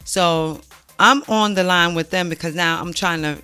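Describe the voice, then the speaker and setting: A vlog host telling a personal story in an animated, exasperated way, acting out the quotes. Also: mid-range voice, moderate pace, clear, resonant tone, soft background music. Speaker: channel host.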